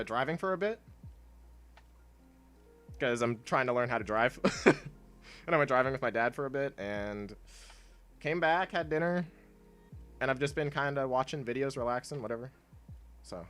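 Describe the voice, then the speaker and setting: Congested young man, lively low-key rambling. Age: young adult. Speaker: streamer. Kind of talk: casual gameplay stream chat. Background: quiet game music.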